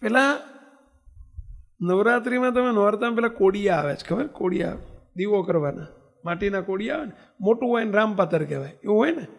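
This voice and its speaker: A man's voice: sits high, animated, a little fast, creaky, in a large hall. A man giving a sermon as a swami, telling stories and often putting questions to the audience. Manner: asks the audience frequent questions. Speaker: swami preacher. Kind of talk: sermon with storytelling.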